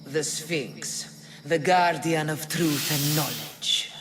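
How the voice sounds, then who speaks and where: A woman's voice: low-pitched, slow, noisy background. A woman playing an ancient sphinx in a video game, a grand, stately and teasing guardian who speaks in riddles. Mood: imperious. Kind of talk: theatrical video game acting.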